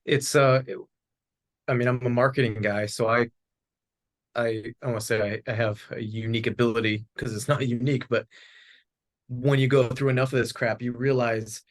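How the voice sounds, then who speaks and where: A man's voice: mid-range voice, normal speed. A man co-hosting a podcast, chatting casually, laughing often and retelling what others said. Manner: animated storyteller, laughs often, retells quotes. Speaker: podcast co-host. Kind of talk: casual conversation.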